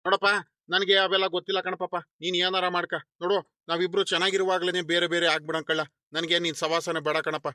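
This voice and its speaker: A man's voice: sits high, little pitch movement, fairly quick, bright, forceful tone, dry recording, clean studio sound. A man voicing a stubborn, grumbling elder brother. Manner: grumbling, stubborn, repeats himself. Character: resentful middle-aged village man, elder brother demanding his share. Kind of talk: animated cartoon voice acting.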